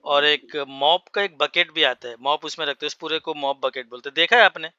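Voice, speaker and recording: Man, class teacher, thinks aloud, bright and clear, a bit high-pitched. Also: no room sound, lo-fi sound. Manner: explains words slowly, spells them out, thinks aloud. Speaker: English teacher. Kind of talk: spoken English class for Hindi speakers.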